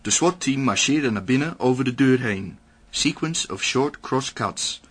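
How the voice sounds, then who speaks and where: Husky man reading a screenplay. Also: mid-range voice. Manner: calm, measured reading with stage directions. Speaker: narrator. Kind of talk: scripted narration of a screenplay.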